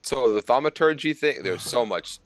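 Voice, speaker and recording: A man narrating as game master of a tabletop game, casual and halting, with many fillers. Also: medium pitch, expressive.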